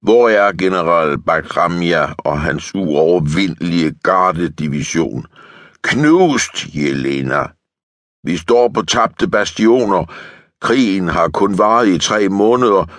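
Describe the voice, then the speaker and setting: A man's voice: deep voice, fairly bright tone, dry recording, clean studio sound. A male audiobook narrator playing a bitter, coarse tank lieutenant who swears and talks bluntly.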